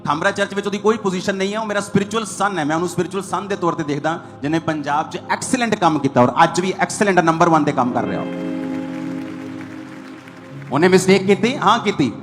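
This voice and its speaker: A male pastor, preaching quickly in a fairly high voice and driving each point home through short repeated bursts. Soft music plays under his sermon.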